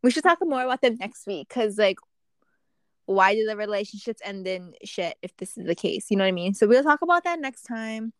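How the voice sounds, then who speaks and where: A woman's voice: mid-range voice, animated, fairly quick, dry recording. A woman hosting a casual podcast chat, asking teasing questions and steering the talk. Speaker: podcast host.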